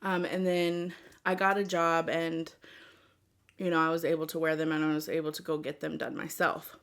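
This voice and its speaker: A woman vlogger chatting casually to her viewers in an unhurried, rambling way. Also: deep voice, flat delivery. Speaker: mukbang vlogger.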